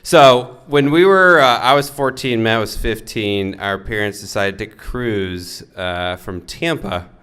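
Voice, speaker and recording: A man's voice: lowish voice, takes it slowly, hardly any pauses, smooth. A young man, the groom's brother, telling a funny story in a wedding toast and laughing along as he goes. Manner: animated storyteller who laughs through his lines.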